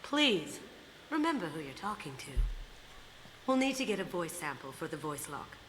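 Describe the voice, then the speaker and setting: A woman's voice: fairly low pitch, very animated, moderate pace, low-quality recording. An actress voicing a cocky, playful female master thief in a video game, confident and sly. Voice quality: confident, sly, softly spoken. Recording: game audio with clear background noise.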